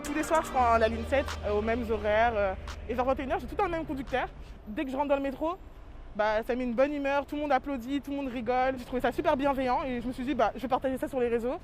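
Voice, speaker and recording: High-pitched, fast-talking enthusiastic woman. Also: soft background music. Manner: enthusiastic, colloquial. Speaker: regular metro passenger being interviewed. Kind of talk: casual interview.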